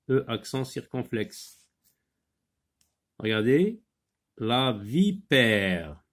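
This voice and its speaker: Slow, patient man teaching phonics. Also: medium pitch, a little mellow. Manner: slow, patient, with many pauses and fillers; switches between French and Arabic explanations. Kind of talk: phonics lesson.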